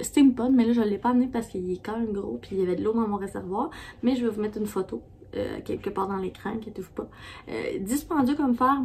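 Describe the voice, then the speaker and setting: A woman with a Québécois French accent and a medium-pitched, darkish voice chats casually over slight background noise. Reviewing a product as a beauty vlogger, she rambles with lots of fillers and restarts.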